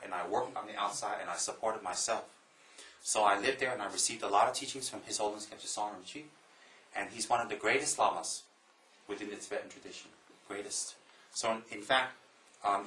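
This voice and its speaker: A man from Taiwan, a Buddhist monk, giving a slow, emphatic Dharma talk to an audience, repeating phrases and adding joking asides. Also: on the low side, bright, forceful tone, echoey room, poor audio.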